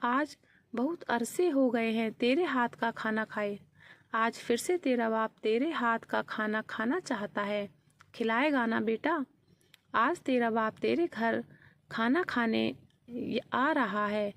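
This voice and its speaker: A woman's voice: on the high side, slow pace. A woman reading the lines of a grieving old village father in a storybook narration, pleading through tears. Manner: tearful pleading read-aloud.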